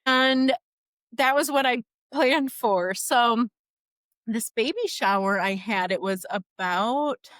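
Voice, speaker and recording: A woman guest on a podcast, telling a personal story in a chatty, animated way, full of "like" and "you know". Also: on the high side, slow, dry recording. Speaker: podcast guest, doula business founder.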